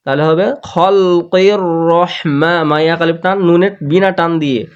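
A man teaching Quran recitation rules, breaking up quick explanations with slow, drawn-out chanted examples. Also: fairly high pitch, clean tone. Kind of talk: tajweed lesson, explaining and demonstrating recitation. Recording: dull lo-fi voice recording.

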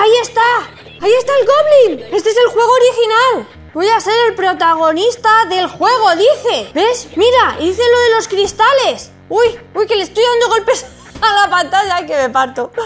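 A woman with a Spain Spanish accent narrates her gameplay to viewers in an excitable, exclamatory way. Her voice is very high. Faint game music plays in the background. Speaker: gaming streamer.

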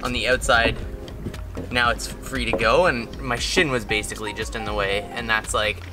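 A man's voice: mid-range voice, little pitch movement, moderate pace, music in the background. A man in his thirties casually explaining a how-to job in a backyard, chatty and rambling, with lots of fillers. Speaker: outdoor channel host. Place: backyard lawn, outdoors.

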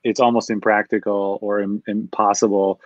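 A man's voice: fairly low pitch, moderate pace, no echo. A man hosts a casual interview over a video call, asking easygoing questions and nodding along with short "mm-hmm"s. His audio is dry and a bit dull and lo-fi. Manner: brief back-channel "mm-hmm"s, relaxed questions. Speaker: host.

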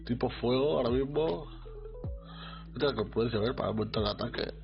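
A man with a Spain Spanish accent giving excitable live commentary on his gameplay, talking to his chat. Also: mid-range voice, a little fast, gravelly, muffled recording, over music. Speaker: streamer.

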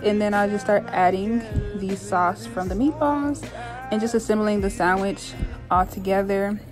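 A cooking vlogger in her twenties chats casually as she walks through a home recipe, using lots of fillers. Her mid-range voice moves at a moderate pace over background music, starting in her home kitchen and then moving to a small, bright bedroom.

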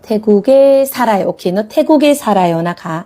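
A woman's voice: fast, warm tone. A woman teaching a Korean language lesson, speaking patiently and encouragingly as she models example sentences.

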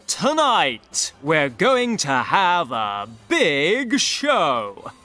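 A man voicing a loud, cheerful circus announcer in a children's cartoon, calling out in a showman's style. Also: wildly swooping pitch, very slow, soft background music, heavily acted. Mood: excited. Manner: booming showman calls.

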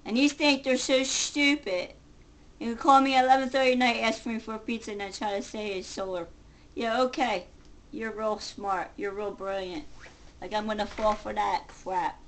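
In her home kitchen, a middle-aged woman confronts her webcam with a casual but agitated rant full of sarcasm and profanity. She speaks at a moderate pace in a mid-range, a bit bright voice with fairly even intonation.

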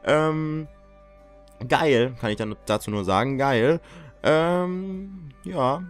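A man giving joking, excitable gameplay commentary as a let's play YouTuber, talking straight to his viewers. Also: fairly high pitch, extremely slow, clean tone, soft background music.

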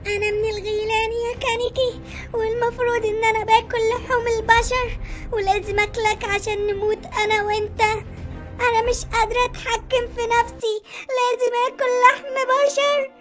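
A woman doing a squeaky, tearful ghoul girl. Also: little pitch movement, a little fast, a bit bright, soft background music. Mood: anguished. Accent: Egyptian Arabic. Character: young woman ghoul, lovesick and tormented. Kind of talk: Roblox story voice acting.

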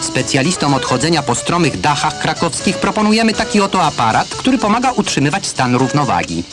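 A man's voice: fairly high pitch, sing-song, a little fast. Man narrating an old newsreel. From Poland. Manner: crisp declamatory commentary over footage. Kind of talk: 1970s newsreel voice-over narration. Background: loud film score music.

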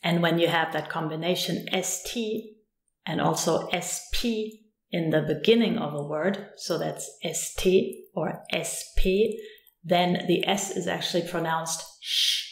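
A German woman with a German accent teaching pronunciation patiently and clearly, modelling each word slowly. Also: fairly low pitch, roomy sound. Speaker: language teacher. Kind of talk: pronunciation lesson.

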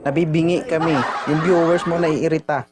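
A man trades teasing jabs on a live stream and delivers his roasts dryly. His voice is high for a man. Constant noise sits behind the audio. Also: level tone, moderate pace. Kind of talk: casual live-stream banter.

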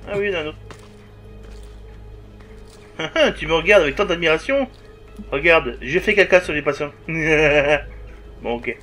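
A man's voice: a little high, animated, measured pace, long pauses, sharp tone, soft background music. A man with a swearing, joking manner, giving a let's play commentary and talking back to the game. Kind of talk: gameplay commentary.

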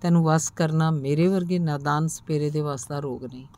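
A woman's voice: low voice, brisk, mellow, natural voice. A woman reading the lines of a scornful, boastful young man in a story, dismissive and sneering. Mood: heated.

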